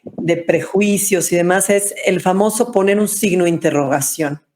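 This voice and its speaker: A woman's voice: on the low side, normal speed, darkish tone, a little hiss or hum. A woman on a webinar panel, speaking thoughtfully with hesitant restarts.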